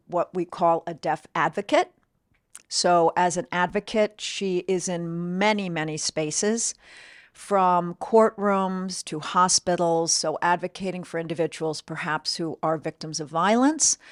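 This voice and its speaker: A woman's voice: on the low side, dry recording, clean studio sound. A woman co-presenting an informal talk, explaining things plainly and checking in with rhetorical questions. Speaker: co-presenter from a deaf services center.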